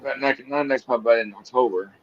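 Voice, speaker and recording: A man's voice: mid-range voice, fairly quick, lo-fi sound. A man in his forties chatting enthusiastically on a livestream. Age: 40s. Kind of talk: casual livestream chat.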